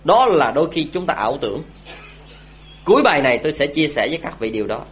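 Lively man giving a talk. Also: on the high side, fast, slight background noise. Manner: storytelling, asks the audience questions. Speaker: Buddhist speaker. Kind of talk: dharma talk to an audience.

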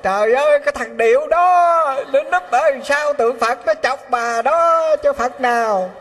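A man's voice: extremely high pitch, measured pace, a bit bright, pitched above the performer's own voice. A man with a Southern Vietnamese accent voicing a flustered older male temple abbot who exclaims in exasperation. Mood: exasperated. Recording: long hall reverb.

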